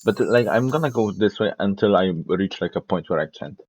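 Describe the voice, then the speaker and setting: A man's voice: lowish voice, animated, brisk, a little hiss or hum. A man streaming a game, chatting casually and rambling about his choices. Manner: rambling, laughs at himself. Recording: dull lo-fi mic with music behind.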